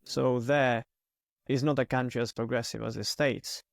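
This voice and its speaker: Gravelly male host. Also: mid-range voice, steady tone, normal speed, no echo, studio quality. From Greece. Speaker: podcast host. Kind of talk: podcast interview conversation.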